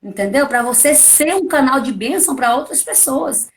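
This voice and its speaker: Lively middle-aged woman preacher. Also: normal speed. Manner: emphatic, full of rhetorical questions and sudden high-pitched stresses. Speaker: preacher, guest. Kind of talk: conversational testimony and teaching.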